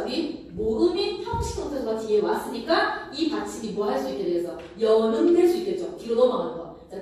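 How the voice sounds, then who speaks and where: A woman's voice: on the high side, a little mellow, a little hiss or hum. A woman teaching a grammar lesson to a class, often checking in with her students. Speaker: Korean language teacher. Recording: echoey room, from a distance.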